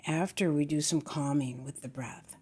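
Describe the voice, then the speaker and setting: A woman guiding a meditation, speaking gently and slowly, with a soft, breathy voice that often drops to a near whisper. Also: deep voice, steady tone. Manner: gentle, unhurried, repeats "just". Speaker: meditation teacher. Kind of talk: guided meditation.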